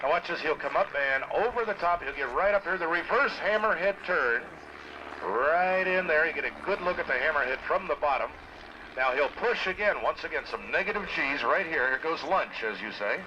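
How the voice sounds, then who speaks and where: A man's voice: fairly high pitch, expressive, brisk, highs cut off. A man giving folksy live airshow commentary, counting off and calling out maneuvers as they happen. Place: outdoor airshow. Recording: noisy outdoor PA with aircraft engines. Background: propeller aircraft engine noise.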